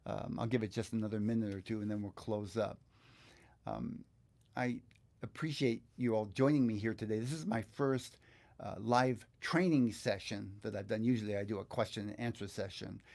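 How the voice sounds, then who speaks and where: His voice sits on the low side, slightly mellow and marked by vocal fry. He's an older guitar teacher, 50s to 60s, hosting an informal live online session in an indoor studio and thinking out loud.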